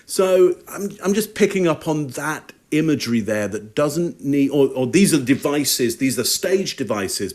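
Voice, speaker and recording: A man analysing an interview clip for a panel, walking through gestures one by one in a measured, thoughtful way. His pitch sits in the middle range and he often pauses with small fillers as he thinks. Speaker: body language analyst.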